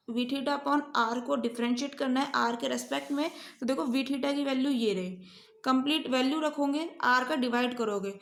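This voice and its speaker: High-voiced woman teaching maths. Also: roomy sound. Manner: explains step by step, often asks students questions. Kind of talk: whiteboard maths lecture.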